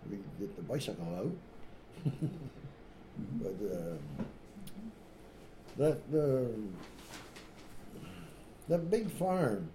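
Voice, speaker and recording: Older man, dark rambling voice. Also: on the low side. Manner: rambling, hesitant, many fillers, chuckling. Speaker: local elder recalling old times. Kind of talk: casual reminiscing conversation. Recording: roomy room echo, light noise.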